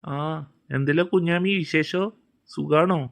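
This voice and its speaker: A woman voicing a gentle father home on a short visit, who speaks in a soothing, reassuring way to his children. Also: low voice, steady tone, unhurried, creaky, pitched below the performer's own voice.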